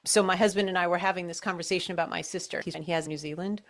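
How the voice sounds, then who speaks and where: A woman's voice: fairly low pitch, fairly even intonation, rapid-fire, a bit bright. A woman hosting a podcast who listens, affirms, and shares personal stories. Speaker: podcast host. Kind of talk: casual podcast conversation.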